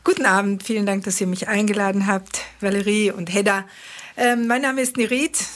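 A woman's voice: mid-range voice, fairly even intonation, fairly quick. A woman from Israel, a guest in a studio interview, talking thoughtfully with frequent fillers. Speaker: guest, actress and café manager. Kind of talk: interview answers.

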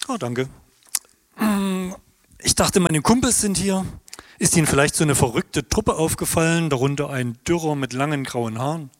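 A man's voice: on the high side, normal speed, close to an everyday voice. A man playing a grumbling old pensioner. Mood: gruff. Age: older. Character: grumbling retired man, bitter about the state.

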